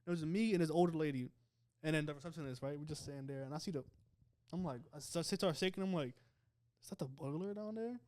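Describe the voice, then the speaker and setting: Man, New Jersey accent, slightly high voice, relaxed storytelling. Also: fast. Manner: laid-back storytelling, laughs often. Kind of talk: casual chat among friends.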